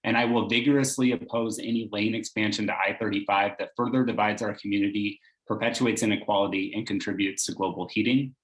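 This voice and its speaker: A man giving an earnest campaign pitch as a candidate on a video call. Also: fairly even intonation, fast, few pauses, reverberant, rough recording.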